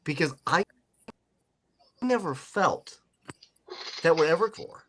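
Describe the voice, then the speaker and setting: A man hosting a podcast, telling his own story in a casual, animated way. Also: on the high side, slow pace, husky. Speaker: podcast host. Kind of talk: casual chat.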